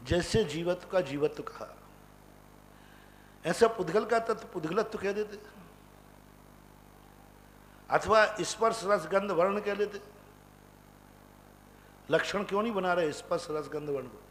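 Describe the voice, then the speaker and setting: A man, a Jain monk from India, teaching a scripture class, explaining step by step with rhetorical questions and chanting sutra lines slowly. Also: high voice, a bit bright, in a large hall, a little hiss or hum.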